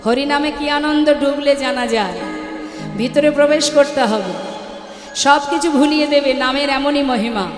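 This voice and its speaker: A woman kirtan singer leading devotional chants and preaching earnestly to a live audience, scolding latecomers who disturb the gathering. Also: sits high. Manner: sing-song call-and-response chanting, then earnest, scolding sermon. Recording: echoey hall with accompanying music.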